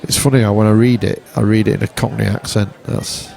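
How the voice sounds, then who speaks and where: Man, low, dark gravelly voice, teasing snooker commentator, club stream. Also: flat delivery, brisk. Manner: wry, teasing, chatty. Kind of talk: relaxed live sports commentary.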